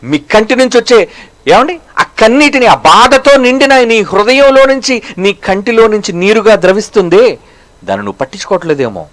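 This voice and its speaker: High, animated preaching man. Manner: preaching with repeated rhetorical questions to the listeners; slows down for emphasis, swings between loud and hushed. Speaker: pastor. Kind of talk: sermon.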